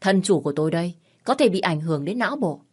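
A woman voicing a calm, confident young male lawyer who speaks in a measured, coolly threatening way in an audio story. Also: fairly low pitch, slightly rough.

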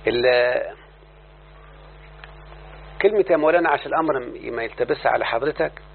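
A man's voice: medium pitch, gravelly. A man with an Egyptian Arabic accent leads a classroom lesson, firing questions at his listeners and waiting for their replies. The recording is thin and phone-like, with a faint hum running underneath. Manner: keeps quizzing listeners for answers. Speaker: teacher.

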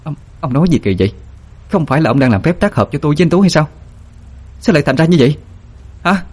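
A man's voice: expressive, fast, slightly rough. A man doing a frantic, tearful young woman. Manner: shrill, pleading, breaking into shouts.

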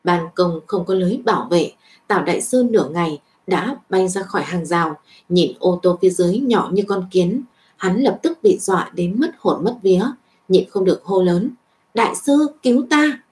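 A woman reading a web novel aloud as narrator, in an even storytelling voice with small lifts for dialogue. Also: lowish voice, moderate pace.

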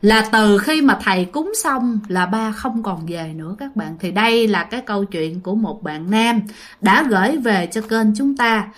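A woman's voice: mid-range voice, expressive, normal speed. A woman narrating listener ghost stories in a chatty, casual way, talking straight to her audience. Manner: chatty, many fillers, addresses listeners directly. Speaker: ghost story channel narrator. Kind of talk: casual spoken storytelling.

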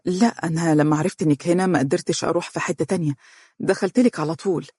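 A man voicing a tender young Egyptian husband who speaks softly and reassuringly. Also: a little high, fairly even intonation, rapid-fire, breathy edge, no echo, clean studio sound. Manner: soft, hushed and tender.

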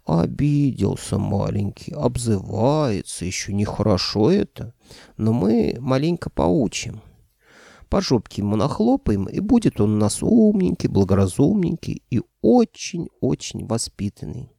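A man voicing a sly three-headed dragon that coos in slow, drawn-out baby talk. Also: medium pitch, sing-song, creaky, warm tone, dry recording, clean studio sound, heavily acted. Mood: cooing.

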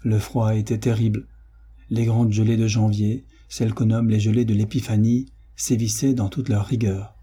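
A man narrating a novel as an audiobook reader, in a measured, even storytelling manner. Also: fairly low pitch, breathy edge. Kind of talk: scripted literary narration.

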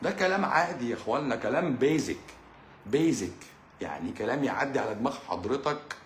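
Fast-talking sarcastic Egyptian man. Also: medium pitch, expressive, echoey room. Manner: sarcastic, mocking, rhetorical questions. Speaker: doctor. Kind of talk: casual live monologue.

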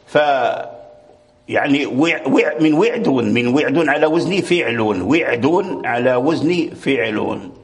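A man's voice: medium pitch, lively intonation, unhurried. Patient man teaching recitation. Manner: repeats words and phrases while explaining patiently. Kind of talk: religious lecture.

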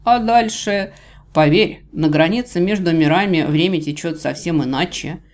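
A woman reading an audiobook voices a smug, cruel male villain god who talks with drawling, mocking calm. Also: lowish voice, moderate pace, close to an everyday voice. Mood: menacing. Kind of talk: audiobook character voice.

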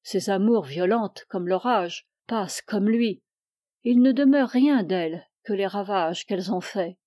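Une femme qui prête sa voix à un mentor spirituel âgé et sévère, qui fait des reproches d'un ton dur. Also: female voice, medium pitch, a little slow, warm tone, dry recording, studio quality, natural voice. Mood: stern. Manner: stern, reproving. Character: stern older male spiritual mentor, severe.

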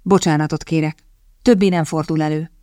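A cool, mocking aristocrat who answers with dry, sardonic wit, as a woman narrator voices him. The voice stays low and is recorded close and dry. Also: steady tone, warm tone, dry recording, natural voice.

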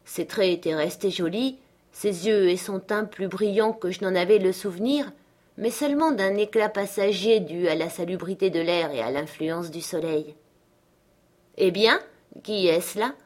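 A woman with a lowish voice narrates a classic novel as an audiobook reader. Her scripted literary storytelling is measured and even.

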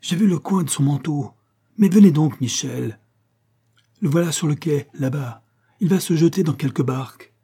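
A man's voice: medium pitch, moderate pace, dark tone, breathy edge, close to an everyday voice. A man reading aloud, voicing a proud, poor young captain in an impassioned, declamatory way. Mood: urgent.

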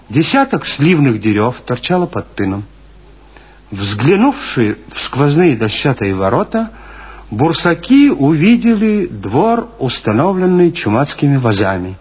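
A man narrating an audiobook in a theatrical, expressive literary reading, in a dull lo-fi archive recording. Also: a little high, slightly rough. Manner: theatrical, lively storytelling.

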